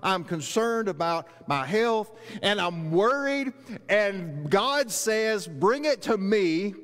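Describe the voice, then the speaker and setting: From the stage of a large church sanctuary, a middle-aged man preaches in a high-pitched, sing-song, slow and somewhat bright voice. Walking about, he grows earnest and builds to emphatic rhetorical questions, with the long reverb of the church hall behind him.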